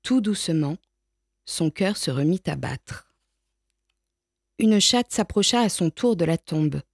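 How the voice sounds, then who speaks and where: A woman reading a storybook aloud in a calm, measured, unhurried way. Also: lowish voice, vocal fry, breathy edge, no echo, clean studio sound.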